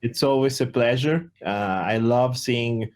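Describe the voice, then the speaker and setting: A man's voice: medium pitch, a little slow, a little mellow. A man with an Italian accent hosting a casual community Q&A over a voice call, talking easily with frequent "uh" fillers. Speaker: project founder hosting a community Q&A. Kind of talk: casual voice-chat Q&A.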